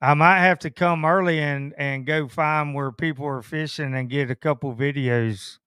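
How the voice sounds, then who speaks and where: Laid-back Southern host, smooth voice. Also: male voice, on the high side, steady tone, moderate pace, a bit bright, no echo. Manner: laid-back, rambling with many fillers. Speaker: podcast host. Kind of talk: casual chat.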